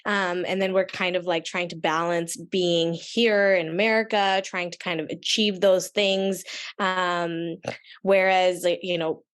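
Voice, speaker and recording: A woman's voice: fairly low pitch, little pitch movement, unhurried, clear, resonant tone. A woman in her thirties from Pakistan, speaking on a panel in a chatty way full of fillers. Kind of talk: panel discussion.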